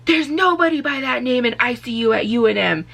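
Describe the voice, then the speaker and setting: A man's voice: very high voice, expressive, brisk, vocal fry, pushed and bright, voice pushed up, exaggerated voice. Woman putting on a curt, hostile cop. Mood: harsh, dismissive. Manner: brusque, dismissive, raised voice. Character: curt hostile male police officer.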